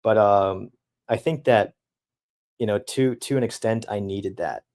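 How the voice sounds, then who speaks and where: Soft-spoken young man reading chat. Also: lowish voice. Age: young adult. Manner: halting, self-reflective, reads chat messages aloud. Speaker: streamer answering chat. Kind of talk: casual chat.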